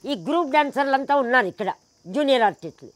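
A woman's voice: high-pitched, lively intonation, quick pace, no echo. A woman in an interview, telling a personal story with emphasis, acting out the people in it and firing off indignant rhetorical questions. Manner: acts out the people in her stories.

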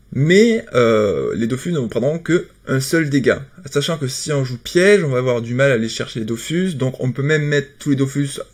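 A man's voice: medium pitch, breathy edge. A man giving casual commentary on a card game patch. He hesitates often and restarts his sentences. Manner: hesitant, many fillers and restarts.

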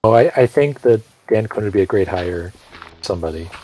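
Low-voiced man teasing deadpan. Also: a little fast, breathy edge, low-quality recording. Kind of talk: casual gaming banter on voice chat.

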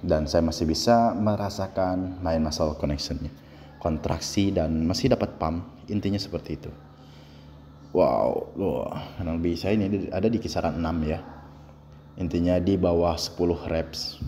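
In a deep, mellow voice at a moderate pace, a young man walks viewers through his workout in an easy, explanatory manner. A camera sitting on the floor across the fluorescent-lit indoor gym records him, giving the sound a reverberant quality and a faint hum.

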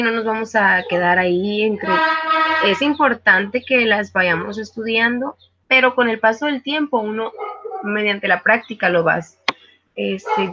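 A woman's voice: mid-range voice, muffled recording, background noise. A woman, a virtual tutor giving a live online class, explaining patiently with frequent hesitations. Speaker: virtual tutor teaching English.

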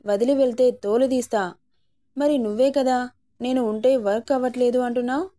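A woman voicing a loving young husband in a storybook reading, teasing and affectionate by turns, sharp when he feels his wife is wronged. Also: on the high side, fairly even intonation, normal speed, natural voice. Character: young man, loving husband, playful and protective.

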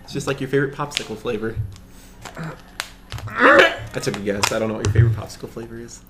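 A man's voice: mid-range voice, big pitch swings, quick pace. A man co-hosting a casual challenge video, teasing his partner and laughing often. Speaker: co-host. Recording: clear background noise.

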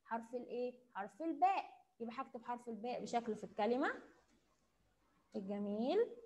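A young woman with an Egyptian accent, teaching young children in an online class, drawing out her words slowly as she asks questions and praises them. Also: on the high side, very animated, a little mellow. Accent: Egyptian Arabic. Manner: slow, drawn-out prompting questions with cheerful praise. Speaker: kindergarten teacher. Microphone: computer mic on a video call.

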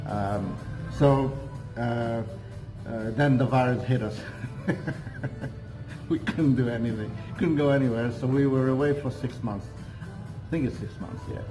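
A man's voice: mid-range voice, a little slow, rough recording. Older Portuguese-accented man, music behind. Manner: rambling, frequent hesitations and restarts. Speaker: interview guest. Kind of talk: casual interview chat. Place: hotel cafe with large windows, indoors. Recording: music playing under the speech. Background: music in the background.

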